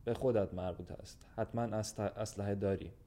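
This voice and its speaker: A man's voice: on the low side, fairly even intonation, dark tone, lightly acted. A man voicing an old, blunt, fatherly gendarme who talks in a weary, matter-of-fact way in a storybook reading.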